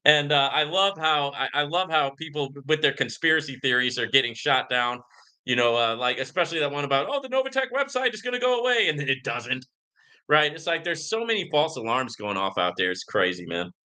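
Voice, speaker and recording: Speaking fairly quickly in a fairly high, animated voice that is pushed, bright, and smooth, a man hosts a live Q&A stream. His commentary is an emphatic, preachy rant, full of "right?" and "man."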